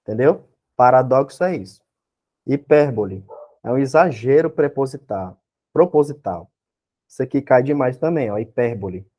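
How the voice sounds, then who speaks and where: A man's voice: medium pitch, animated, normal speed, lo-fi sound. A man with a Brazilian Portuguese accent, teaching an exam-prep class. He explains step by step and keeps checking in with his students through tag questions and rhetorical questions.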